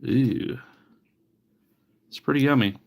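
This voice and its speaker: This medium-pitched man takes his time, his voice showing vocal fry and a breathy edge. Restoring an old handheld on his live stream, he chats casually, sniffles from allergies and lets out wry bits of mock disgust as he works on retro gear.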